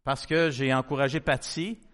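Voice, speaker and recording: A man's voice: medium pitch, normal speed. A middle-aged man with a Québécois French accent, a pastor telling a story in a sermon and acting out the dialogue. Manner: lively storyteller who acts out quoted dialogue. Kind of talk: testimony-style sermon storytelling.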